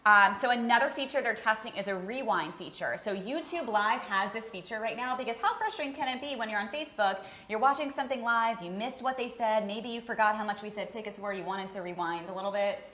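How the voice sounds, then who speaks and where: A woman hosting a live web show, promoting an event and reading social media news in a brisk, promotional way. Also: a little high, pushed and bright, reverberant. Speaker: host.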